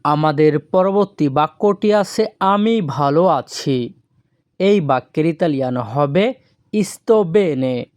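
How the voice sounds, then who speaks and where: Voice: mid-range voice, a little mellow, no echo, studio quality. A language teacher giving a scripted lesson, repeating each phrase and spelling it out word by word. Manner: says foreign phrases very slowly, word by word.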